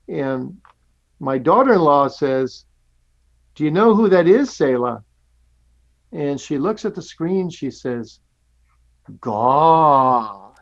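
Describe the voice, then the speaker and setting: A man's voice: fairly high pitch, muffled recording. A man in his sixties or older, a pastor being interviewed. He tells illustrations earnestly and often repeats his words. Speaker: pastor and guest. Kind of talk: interview with storytelling.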